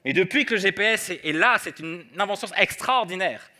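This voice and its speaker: A man preaching a sermon in church, moving between soft prayer and light humor. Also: high voice, animated, a little fast. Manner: prays softly then preaches with humor. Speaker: pastor.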